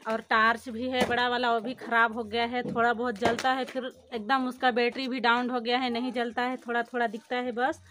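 With a noisy background behind her, a vlogger in her thirties talks to camera on a phone held at arm's length as she cooks in a village courtyard, and later at home at night. Her voice is on the high side, and she's chatty, narrating casually and speaking straight to her viewers.

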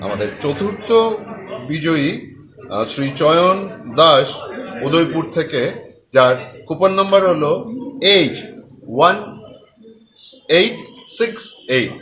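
High-pitched man announcing prize winners. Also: lively intonation, fairly bright tone, low-quality recording. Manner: measured announcer delivery, names and numbers read out in short deliberate phrases. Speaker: company managing director announcing prize winners.

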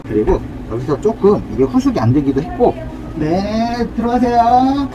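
A man's voice: sits high, sing-song, normal speed, muffled recording, background noise. A man demonstrating a cafe drink recipe at a counter, explaining each step in a friendly, polite way. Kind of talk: casual cooking demonstration.

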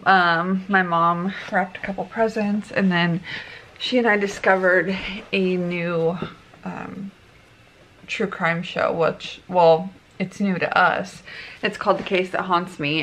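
Slow-talking woman vlogging at home. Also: lowish voice, a little hiss or hum, low-quality recording. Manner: relaxed, rambling with fillers. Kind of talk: casual vlog chat. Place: home kitchen and living room. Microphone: handheld camera at arm's length.

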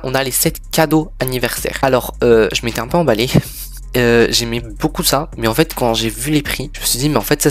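A teenage boy talks his way through a toy catalogue in a casual vlog, stumbling over fillers and restarts. His voice sits in a middle pitch, and his opinions come out blunt and unfiltered. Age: teens. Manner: chatty, hesitant with many fillers, blunt opinions. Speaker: youth toy reviewer.

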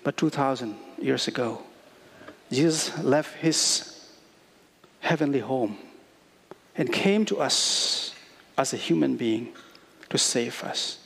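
A man in his thirties preaching a sermon in a church on a headset mic, earnest and slow, with many pauses and fillers and non-native English phrasing. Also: medium pitch, animated, gravelly, fairly bright tone, a little hiss or hum. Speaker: guest preacher. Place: church sanctuary, indoors. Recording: reverberant church hall.

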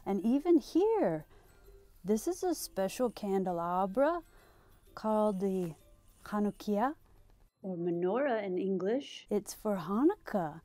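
A middle-aged woman hosts a library storytime for children, reading and chatting in a sing-song manner and asking questions she then answers herself. Her voice is medium-pitched with a dark tone, slow in pace, and recorded without echo.

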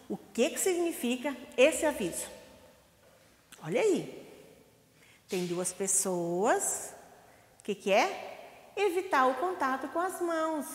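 A woman from Brazil teaches small children, her fairly high voice rising and falling widely. She speaks slowly and questioningly, sounding out syllables. The recording has an echoey room with a long reverb. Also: a bit bright. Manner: slow, sing-song teacher talk, asks questions and sounds out syllables. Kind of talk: lesson for young children.

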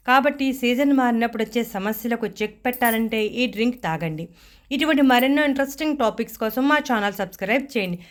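A woman hosting a home-remedy recipe channel, giving a steady, instructive scripted voice-over. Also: a little high.

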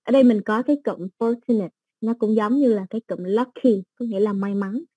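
A woman teaching an English exam-prep lesson, explaining slowly with everyday examples and many fillers. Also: medium pitch, dark tone, slightly rough, no echo, low-quality recording.

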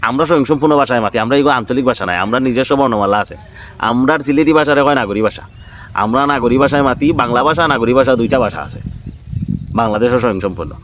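Sylheti-accented man, mid-pitched, rapid, insistent, repeats himself, casual monologue. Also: fairly bright tone, slight background noise. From Sylhet, Bangladesh. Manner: insistent, repetitive.

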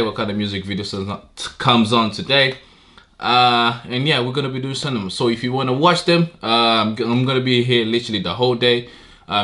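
A young man in his twenties reacts to a music video playing in the background, talking loosely with slang and bursting into laughs and exclamations. His mid-range voice is bright and forceful. He records indoors in his bedroom by a wardrobe, using a webcam while wearing headphones.

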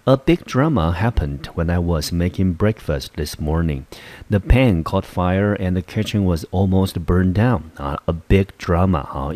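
Low-voiced teacher explaining patiently. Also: male voice, a little mellow. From Taiwan. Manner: patient explaining, frequent filler particles, slows to read English examples. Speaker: English teacher. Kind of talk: recorded classroom vocabulary lesson.

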